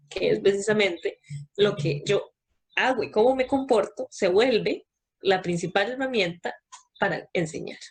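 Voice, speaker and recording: A woman's voice: mid-range voice, breathy edge. A woman giving a talk to parents, explaining step by step and answering her own questions.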